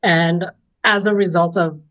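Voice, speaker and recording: A woman's voice: on the low side, steady tone, a little slow, a bit bright, rough recording. A woman in her thirties with a New York accent, a podcast guest telling her life story in an articulate, reflective way. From Senegal, raised in Harlem, New York. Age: 30s. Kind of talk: podcast interview.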